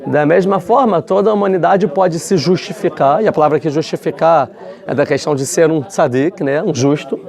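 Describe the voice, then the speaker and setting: Homem professor, voz rouca e arrastada. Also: male voice, on the high side, a little fast, creaky, darkish tone. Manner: conversational, many fillers and restarts, rhetorical questions. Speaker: teacher. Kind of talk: casual Torah lesson.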